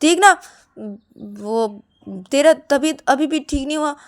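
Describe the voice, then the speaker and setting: A woman voicing a sharp-tongued young woman who protects her brother and scolds in a shrill voice, repeating her questions. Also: slow pace. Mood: scolding.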